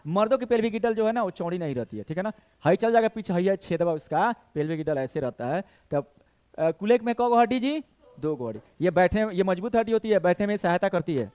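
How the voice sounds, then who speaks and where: A man's voice: high voice, lively intonation, fast talker, darkish tone, clear, resonant tone. A male coaching teacher with a Bhojpuri-tinged Hindi accent, lecturing for competitive exams and counting bones aloud while quizzing the class. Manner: counts bones aloud, asks and answers his own questions.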